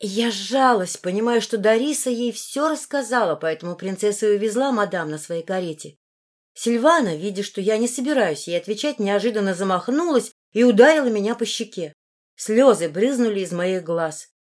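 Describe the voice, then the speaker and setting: Woman audiobook narrator, first-person story, lively pitch, expressive. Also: moderate pace.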